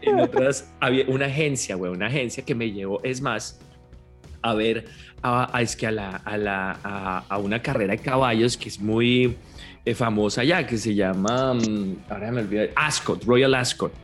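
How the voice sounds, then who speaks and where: A man with a Colombian accent telling stories in a casual chat with friends, animated, laughing often and full of slang. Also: mid-range voice, normal speed, faint music behind.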